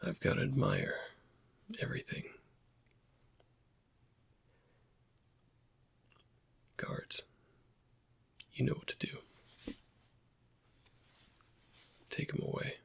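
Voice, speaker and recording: A man playing a weary, bitter Imperial interrogator in a whispered ASMR roleplay, questioning in a halting, pointed way with a breathy, husky voice. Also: mid-range voice, huge pitch swings, a little hiss or hum, exaggerated voice. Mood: resigned.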